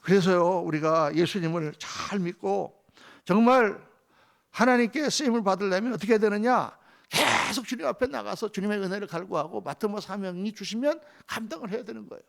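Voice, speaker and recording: A man's voice: high voice, fairly quick, vocal fry, fairly bright tone. A male pastor preaching a sermon, emphatic, often asking the congregation questions.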